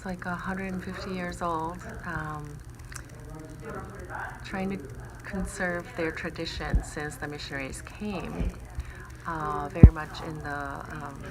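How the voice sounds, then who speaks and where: Slow, hesitant woman from Japan. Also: low-pitched, very noisy. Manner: hesitant, many ums. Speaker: interviewee. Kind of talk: recorded interview.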